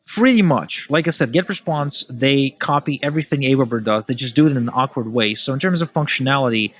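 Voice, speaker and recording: A man, speaking as a guest in a relaxed podcast chat. He is animated and opinionated, with a mid-range voice that rushes ahead in quick bursts and then slows down again. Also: medium pitch. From Ukraine. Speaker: podcast guest, email marketer. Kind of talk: casual podcast conversation.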